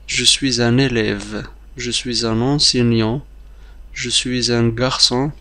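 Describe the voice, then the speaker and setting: A man teaching a beginner language lesson, explaining briskly with some hesitations and repeating example phrases slowly like drills. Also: mid-range voice, steady tone, pushed and bright.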